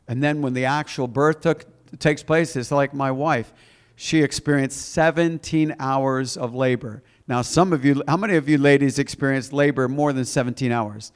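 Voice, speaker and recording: A man's voice: mid-range voice, fairly even intonation, normal speed, smooth. A male pastor preaching a sermon, reading scripture aloud with rising emphasis and putting questions to the congregation.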